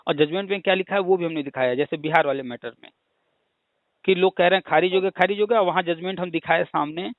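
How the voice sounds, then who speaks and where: A man's voice: high-pitched, fast, no room sound. Lecturing man on a tinny phone line. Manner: lecturing, patient, uses rhetorical questions and examples. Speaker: teacher hosting a call-in discussion. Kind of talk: casual explanatory phone chat.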